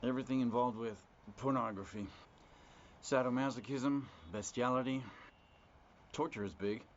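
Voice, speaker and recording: An actor playing a private investigator who lays out grim findings in a measured, matter-of-fact way. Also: male voice, mid-range voice, lightly acted. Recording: dull lo-fi dubbed film audio with faint hiss.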